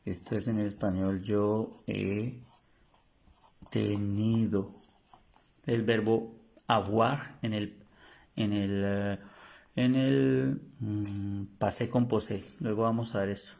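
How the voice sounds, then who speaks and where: A man teaching an online French class, slowly repeating each sound and word for his students to memorize. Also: lowish voice, steady tone, vocal fry, a little mellow. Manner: slow, repetitive drilling of pronunciations.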